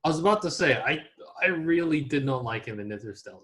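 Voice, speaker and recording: A man's voice: a little high, lively intonation, fast, a bit bright. A man in casual chat about movies, joking sarcastically and restarting his sentences often. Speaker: scientist discussing movies.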